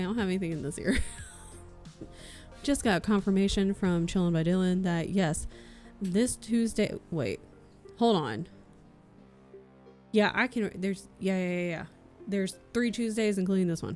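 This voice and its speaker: A woman's voice: medium pitch, darkish tone. Giggly, rambling woman streamer. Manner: giggly, rambling, self-correcting. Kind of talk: casual livestream chat. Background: faint background music.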